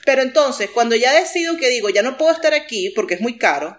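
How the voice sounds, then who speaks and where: A woman's voice: on the high side, animated, quick pace. A woman from Venezuela with a Venezuelan Spanish accent, talking casually and rambling with lots of fillers as an interview guest. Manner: chatty, rambling, frequent fillers.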